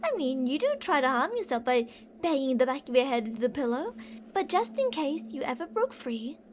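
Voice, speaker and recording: Brisk and theatrical, a woman's high, very animated voice portrays an older obsessive yandere kidnapper in an ASMR roleplay, over a little hiss or hum. Her mood is musing and possessive as she sing-songs teasing endearments laced with menace and threats. The character sweet-talks while staying menacing.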